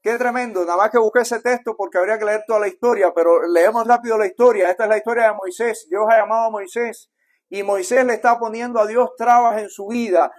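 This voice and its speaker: Cuban pastor preaching with rising force. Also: male voice, sits high. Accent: Cuban Spanish. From Cuba. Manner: conversational preaching, acts out quotes softly then builds in volume. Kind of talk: sermon. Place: church sanctuary.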